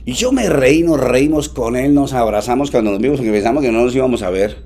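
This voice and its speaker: A man's voice: mid-range voice, lively intonation, fast, warm tone. A man, preaching a sermon to his congregation. He leans hard on words for emphasis, talks fondly to his listeners and has them repeat lines after him. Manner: affectionate asides to the congregation. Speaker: pastor.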